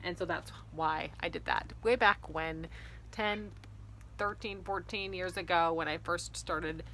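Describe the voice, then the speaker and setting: A fantasy author in her thirties or forties hosts her own video, chatting casually and expressively as she explains things to viewers. Her voice is lowish and a bit bright, with a steady tone and unhurried pace. Faint ambient noise lingers in the background.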